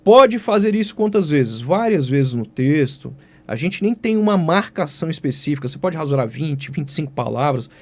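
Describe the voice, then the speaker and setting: Lively Brazilian teacher asking himself questions. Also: male voice, on the high side, moderate pace. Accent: Brazilian Portuguese. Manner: lively, asks and answers his own questions. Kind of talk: exam-prep writing lesson.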